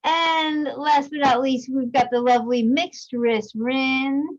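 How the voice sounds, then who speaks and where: A woman hosting a casual online show, loud and bubbly, over a desk mic with a harsh, staticky edge. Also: sits high, fairly even intonation, slow, muffled recording. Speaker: host. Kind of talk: casual video-call chat. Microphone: USB desk microphone.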